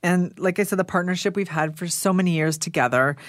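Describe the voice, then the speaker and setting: A woman's voice: lowish voice, fast, dry recording, studio quality. A woman talking casually as a travel industry guest on a radio show. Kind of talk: casual radio interview chat.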